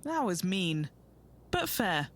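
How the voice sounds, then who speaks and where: A woman's voice: fairly low pitch, very animated, slow pace. A woman giving golf commentary as an on-course reporter.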